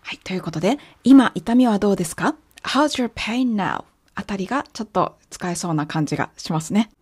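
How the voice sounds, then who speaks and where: A woman teaching English with clear, patient explanations and slow, careful example phrases; Japanese is her first language. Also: mid-range voice, expressive, a little mellow, dry recording. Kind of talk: language lesson narration.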